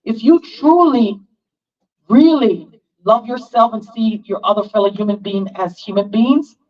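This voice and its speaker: An earnest town hall moderator speaks in measured, reflective terms. The voice comes from a distance, and the sound is dull and lo-fi. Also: medium pitch. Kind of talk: reflective public speech.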